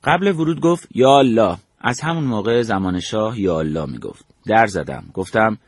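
A man's voice: fairly low pitch, lively intonation, dry recording, clean studio sound. An older man from Iran recounting his memories as a storyteller, acting out the dialogue he quotes. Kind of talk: spoken memoir narration.

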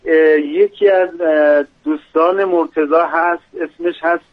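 A male guest author on a phone line, with a slightly high voice and a narrow, tinny sound. He speaks hesitantly and pauses often. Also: fairly even intonation. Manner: hesitant, with many fillers. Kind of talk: radio interview by phone.

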